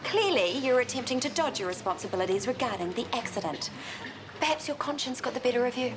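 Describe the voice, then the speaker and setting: A woman's voice: fairly high pitch, lively intonation, fast talker, close to an everyday voice. An actress playing an assertive, bristling professional woman in a TV soap. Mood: indignant. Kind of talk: television soap opera dialogue. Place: indoor clinic. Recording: noisy ambient TV soundtrack.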